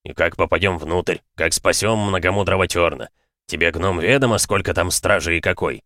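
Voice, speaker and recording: A man's voice: sits low, moderate pace, sharp tone. A man voicing a haughty, pompous male creature with claws and armored eyelids.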